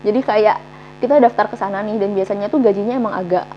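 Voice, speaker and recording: Young woman guest, quick casual talker, dull recording with faint hum. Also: mid-range voice. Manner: chatty, many fillers. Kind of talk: casual chat.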